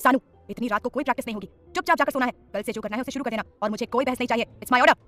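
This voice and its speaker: A woman's voice: fairly high pitch, rapid-fire, fairly bright tone, faint music behind, natural voice. A woman voicing an anxious, strict middle-aged mother who speaks shrilly and commandingly. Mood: stern.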